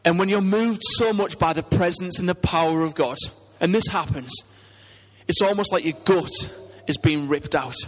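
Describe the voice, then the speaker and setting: A man's voice: on the high side, normal speed. A man with a Teesside English accent preaching a conversational, earnest sermon, putting questions to his congregation. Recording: long hall reverb.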